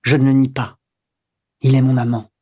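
A man's voice: mid-range voice, little pitch movement, measured pace, darkish tone, husky. A man reading aloud, voicing an insolent, defiant wife who speaks with cool mockery in his own register. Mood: cool insolence.

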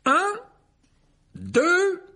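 A man voicing a vain, pompous male wizard teacher who clears his throat when flustered, in a storybook reading. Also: very high voice, lively intonation, extremely slow, sharp tone, pitched above the performer's own voice, full character voice. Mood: showy.

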